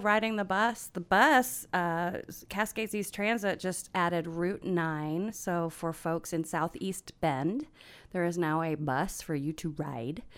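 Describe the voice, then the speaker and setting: An American woman from Central Oregon, a guest on a casual morning interview, chatty and upbeat and quick to laugh. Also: lowish voice, a bit bright, clean tone. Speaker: nonprofit representative, guest.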